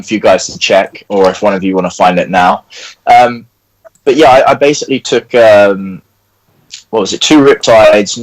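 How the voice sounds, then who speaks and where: A man's voice: lowish voice, low-quality recording. A man co-hosting a casual live chat in an easygoing, laid-back way. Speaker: co-host and tabletop player.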